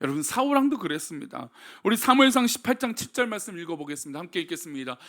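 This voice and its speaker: A male pastor delivers a sermon with a very high voice that leaps up and down animatedly. He keeps asking his congregation questions, moving between quiet, soft passages and loud, emphatic ones. His tone is bright and forward. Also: very animated, rapid-fire. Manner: preaching with rhetorical questions to the congregation. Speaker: senior pastor.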